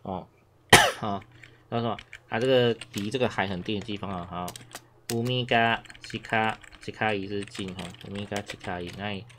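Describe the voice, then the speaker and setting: A man teaches a relaxed Japanese lesson, talking in a low voice. He rambles, repeats his points, fills gaps with little sounds and coughs from time to time. Steady noise and keyboard clicks run under his voice. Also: normal speed. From Taiwan. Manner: chatty, repeats himself, many filler sounds. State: coughing now and then. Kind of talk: casual language lesson.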